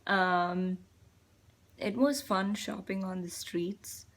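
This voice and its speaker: A woman's voice: mid-range voice, steady tone, slow pace. A young woman from India speaking to camera in a reflective personal monologue, hesitant and full of fillers. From Chennai, India. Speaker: vlogger.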